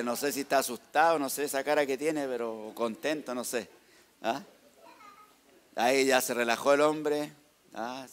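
Chilean guy telling a church testimony, chatty, keeps asking the crowd and calling them brother. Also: mid-range voice. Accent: Chilean Spanish. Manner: lively storytelling, tags "hermano" and "¿ah?". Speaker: church member giving a testimony. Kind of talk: church testimony narrating photos.

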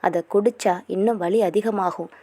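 A woman voicing a brisk, commanding old grandmother who scolds and teases her grandsons, in a storybook reading. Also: medium pitch, fairly even intonation, mellow, no echo, close to an everyday voice. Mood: scolding.

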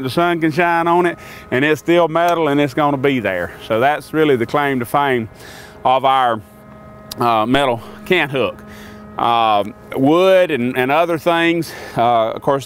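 A man's voice: a little high, slight background noise. An older man casually demonstrating sawmill tools outdoors, talking in a folksy, rambling way with many fillers. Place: outdoors by a sawmill and in a wooded lot.

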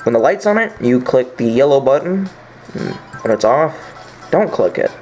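A man's voice: mid-range voice, very animated, moderate pace, a little mellow, low-quality recording. A man gives playful, rambling commentary as he plays a party video game with a friend. His voice swings up and down a lot, and faint music plays behind him. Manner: joking, sarcastic, rambling. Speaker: gameplay commentator. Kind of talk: casual gameplay banter.

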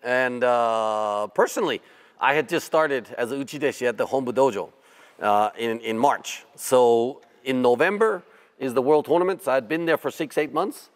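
A man in his fifties interviewing a guest in a relaxed, conversational way, often repeating words as he thinks. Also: mid-range voice, normal speed. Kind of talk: interview questions.

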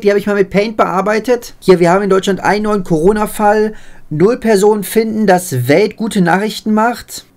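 Deadpan young man reading parody news. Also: sits high. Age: young adult. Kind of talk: scripted news presenting parody.

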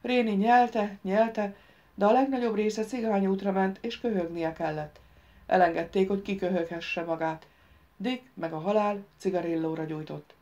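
A woman's voice: mid-range voice, steady tone, dull audio. A woman reading an audiobook, raising her voice for the characters' lines. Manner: reads dialogue lines louder and livelier than narration. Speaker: audiobook narrator. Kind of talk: audiobook narration.

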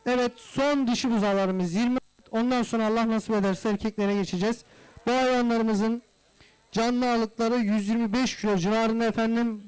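A man's voice: very high-pitched, a little mellow, clean tone, low-quality recording. A man working as a livestock auctioneer, calling out bids in repeated phrases and addressing guests formally and courteously. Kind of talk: live auctioneer calling bids, repetitive price chant.

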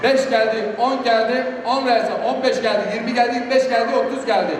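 A male auctioneer calls live bids in a very high-pitched voice, chanting rising numbers over and over. He is far from the mic in a big reverberant hall, with clear noise behind him. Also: steady tone, fast. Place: large reverberant indoor public space. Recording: echoey hall, distant mic, noisy background.

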